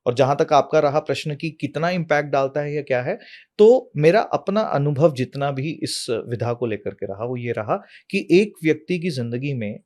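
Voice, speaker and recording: A man, an astrology expert, explaining at length in an interview, calmly and like a teacher, asking questions and then answering them himself. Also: fairly high pitch, moderate pace. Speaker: astrology and numerology guest expert.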